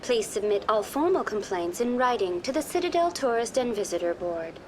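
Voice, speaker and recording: A woman voicing a courteous virtual intelligence guide in a science fiction game, formal, measured and impersonal. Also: fairly high pitch, animated, noisy background, close to an everyday voice. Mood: polite, composed. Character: courteous female virtual intelligence tour guide on a space station. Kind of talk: scripted informational game dialogue.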